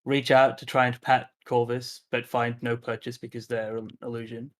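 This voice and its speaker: A man narrating a tabletop role-playing game as its game master. He speaks in a mid-range voice and takes his time, filling pauses with ums and likes. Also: mid-range voice, flat delivery, a bit bright. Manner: measured, unhurried narration with filler words.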